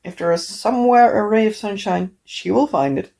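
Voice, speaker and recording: A woman with a hoarse, sick voice, rambling casually with lots of fillers and coughs as she chats on her crafting vlog. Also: mid-range voice, moderate pace, warm tone. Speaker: crafting vlogger. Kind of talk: casual chat while crafting.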